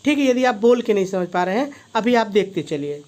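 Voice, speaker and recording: High-voiced male teacher asking rhetorical questions. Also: expressive, brisk, darkish tone. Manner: poses rhetorical questions then answers them, repeats key points. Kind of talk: classroom-style video lesson.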